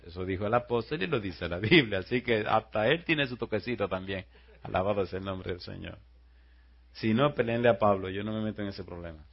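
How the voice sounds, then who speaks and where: A pastor preaches a sermon, telling stories quietly before building up to loud rhetorical questions aimed at the congregation. He has a lowish voice, and the audio is dull.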